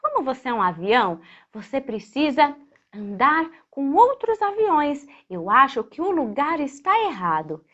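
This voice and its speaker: Woman playing an eager, animated little boy. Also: high-pitched, a little slow, dull audio, exaggerated voice. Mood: eager, determined. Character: earnest, determined young boy with a kite.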